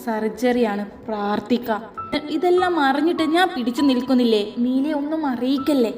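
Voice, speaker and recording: A woman's voice: high voice, moderate pace, a little mellow, in a large hall, lightly acted. A woman voicing a worried man who gives grave news in a somber, subdued way, faint music behind.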